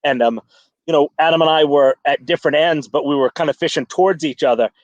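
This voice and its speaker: A man's voice: fairly high pitch, quick pace, no echo. A man chatting casually on a fishing podcast, rambling with many restarts and fillers. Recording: dull lo-fi dry sound.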